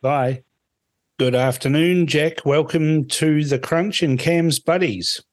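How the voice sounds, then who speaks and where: A man from Fiji hosting a casual radio phone-in, speaking conversationally with a halting delivery. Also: on the high side, dry recording, studio quality. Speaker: radio talk show host.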